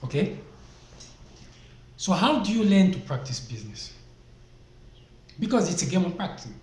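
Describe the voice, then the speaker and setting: A Zambian vlogger gives business advice in a casual motivational talk to camera, emphatic and fond of rhetorical questions, speaking into a desk microphone. His voice is high-pitched with big pitch swings and a darkish tone at normal speed, recorded in an echoey room with faint background noise.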